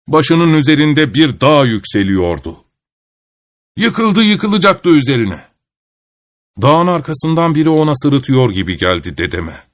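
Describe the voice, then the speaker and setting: A man narrating a folk tale aloud in a steady storytelling manner. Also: a little high, dry recording.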